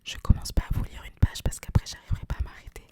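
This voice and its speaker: A young adult woman doing ASMR book talk in a hushed, breathy library whisper with no voice behind it. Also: fast talker. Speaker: host of a book recommendation video. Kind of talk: whispered ASMR talk about favourite books, with some reading aloud.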